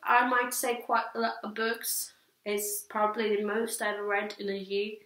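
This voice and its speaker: A young Swedish woman, somewhere in her teens or early twenties, chats about her opinions as a book reviewer in a casual vlog, speaking English as a second language. Her mid-range, fairly bright voice keeps a fairly even intonation at normal speed, while she hesitates, rambles and repeats herself. The room sounds echoey.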